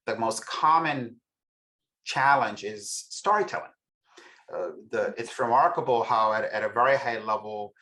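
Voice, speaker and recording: A man's voice: fairly low pitch, a bit bright. A middle-aged man from El Salvador, a researcher and author, speaking as a podcast guest in a reflective way with frequent restarts. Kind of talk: podcast interview.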